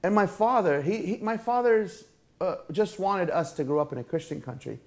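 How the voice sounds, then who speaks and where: Speaking at a normal speed in a high, slightly mellow voice, a man from Syria is a guest in a casual interview, swapping stories about his work as a fair fried-food vendor. Talkative and fond of jokes, he tends to repeat himself.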